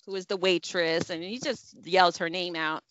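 A woman hosting a casual podcast recap from inside a car, animated and acting out scenes with laughter. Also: fairly low pitch, normal speed, no echo, dull audio. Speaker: podcast host.

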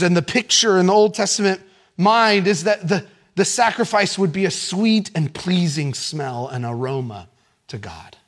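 A male pastor preaching a sermon, telling stories with animated swings from excited shouts down to hushed, quiet lines. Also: a little high.

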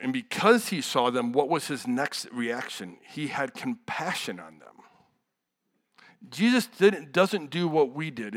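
A man's voice: mid-range voice, fairly bright tone. Man preaching a conversational sermon. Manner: conversational, candid, with asides and rhetorical questions.

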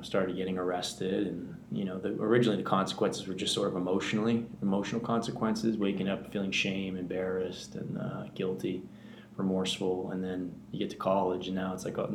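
Candid low-voiced man in his thirties. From Bahamas. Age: 30s. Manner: candid, reflective, many fillers and restarts. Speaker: podcast guest. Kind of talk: personal recovery story. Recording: echoey room with faint background noise.

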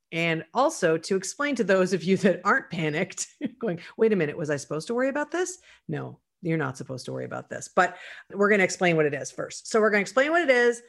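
A woman with a fairly low voice co-hosts a podcast in relaxed, chatty talk. She is animated and at times mimics a panicked listener before dropping into quiet asides. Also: moderate pace, gravelly. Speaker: podcast co-host. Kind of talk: casual podcast chat.

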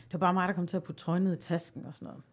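A woman in her thirties from southern Denmark, casually telling stories in a podcast quiz game, lively and laughing as she talks. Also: lowish voice. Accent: Danish, from southern Jutland. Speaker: podcast guest.

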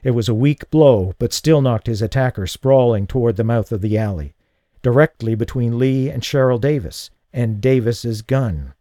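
A man giving a dramatic audiobook narration of a thriller, measured and slowing for tense beats. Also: medium pitch, dark tone, no room sound, clean studio sound. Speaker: audiobook reader.

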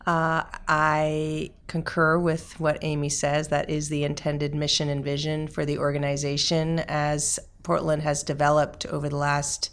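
A woman with a deep, low voice speaks in an interview as the co-founder of a community group. She explains its mission earnestly and in a relaxed, conversational way. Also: unhurried, few pauses, smooth. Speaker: organization co-founder. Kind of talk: casual interview talk.

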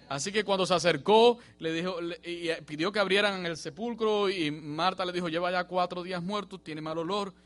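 Spanish-speaking man preaching. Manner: preaching with rising, emphatic bursts and quiet lows. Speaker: pastor. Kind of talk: sermon. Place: church.

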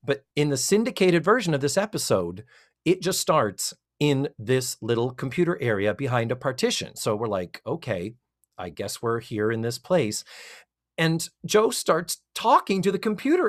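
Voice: mid-range voice, normal speed. A middle-aged podcast co-host in casual chat, retelling a TV episode in a rambling way and acting out the characters' lines. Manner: animated, rambling storyteller who acts out quotes.

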